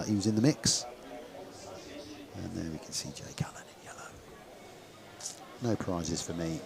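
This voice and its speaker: Low-voiced West Country man commentating over crowd noise. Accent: English West Country. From West Country, England. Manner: conversational, thinking aloud. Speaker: speedway commentator and stream host. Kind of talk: live sports commentary, chatty and informal. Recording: crowd noise at outdoor venue. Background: speedway stadium crowd.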